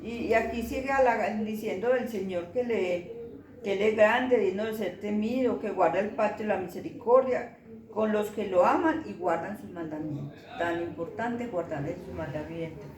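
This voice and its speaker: Calm woman leading a prayer group. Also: medium pitch, normal speed, distant mic. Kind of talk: leading a bible study. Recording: echoey room, from afar, with a crowd.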